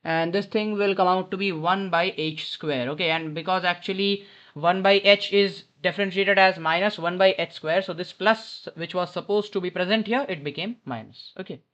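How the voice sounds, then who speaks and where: A man's voice: high-pitched, steady tone, normal speed, few pauses, a bit bright. Male maths tutor on dull headset audio. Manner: thinking aloud, often self-correcting. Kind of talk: informal maths problem walkthrough. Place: airport lounge. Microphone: headphone mic.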